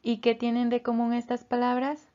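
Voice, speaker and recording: A woman teaching English pronunciation in a slow, careful lesson, repeating each word. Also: fairly high pitch, completely flat delivery, mellow, muffled recording.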